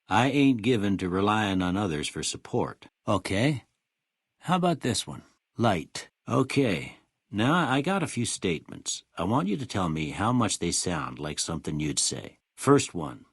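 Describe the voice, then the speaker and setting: A kindly old frontier doctor for a video game, low and husky. He speaks in a plainspoken rural Western American drawl that swings freely up and down. The delivery is folksy and wry, in a close, dry recording. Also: dry recording, exaggerated voice. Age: older. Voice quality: raspy, gravelly. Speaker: voice actor. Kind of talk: video game character dialogue.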